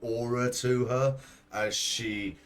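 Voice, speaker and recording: A man acting as game master, narrating a tabletop role-play game in halting, searching descriptions. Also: mid-range voice, steady tone, clear, resonant tone, faint music behind.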